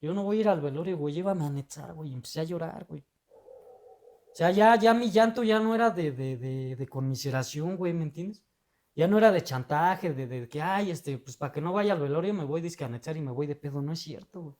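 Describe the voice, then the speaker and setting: A young Mexican man with a notably high voice tells his own story in casual, slang-filled speech. He talks with feeling, tacking a filler word onto almost every phrase. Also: lively intonation, fairly quick, a little mellow. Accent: Mexican Spanish. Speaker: guest.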